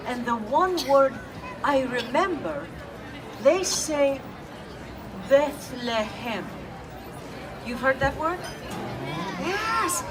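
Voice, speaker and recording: Woman as a kind old Italian-accented witch, high, swooping voice, slow storytelling, outdoor crowd behind, off-mic. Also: background noise. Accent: put-on Italian. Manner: playful, coaxing, asks children questions. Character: kindly old Italian witch who brings gifts. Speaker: costumed storyteller for children. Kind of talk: live in-character storytelling. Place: outdoors in a public urban space. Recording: distant outdoor recording with crowd.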